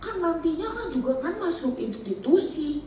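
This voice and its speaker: A woman's voice: very high-pitched, big pitch swings, moderate pace, a little mellow, a little hiss or hum, pitched above the performer's own voice. A woman voicing a dismissive woman friend on the phone, in a scoffing, offhand manner. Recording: echoey hall, mic at a distance.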